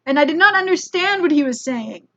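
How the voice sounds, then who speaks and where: An American woman telling a comedic travel story in an animated, self-mocking way, with casual swearing. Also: sits high, brisk, muffled recording. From United States.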